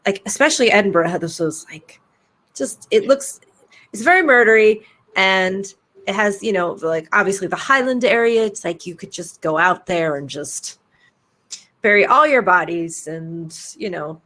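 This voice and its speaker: Woman, author interviewer, video call, casual chat, animated storyteller, dramatic exclamations. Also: medium pitch, normal speed. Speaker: author interviewing a guest at a bookshop event.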